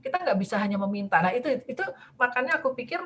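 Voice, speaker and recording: Woman guest chatting away, kinda high voice, lots of fillers. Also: big pitch swings, racing, a bit bright. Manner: chatty with many fillers, acts out quoted dialogue. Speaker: guest speaker. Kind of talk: casual conversational talk.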